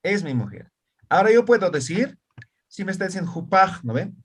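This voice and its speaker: A man teaching a live language class, his pitch moving lively up and down. His voice is a little husky, and he keeps asking his students whether they follow. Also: brisk. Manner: asks frequent check questions. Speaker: Aymara teacher.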